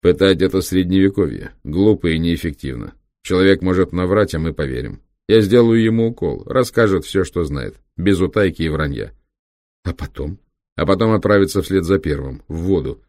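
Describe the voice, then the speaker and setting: A man reading an audiobook, voicing a cold, ruthless German male biochemist with a creaky, reproachful voice. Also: sits low, animated, moderate pace, darkish tone, no room sound, clean studio sound. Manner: reproachful, dismissive.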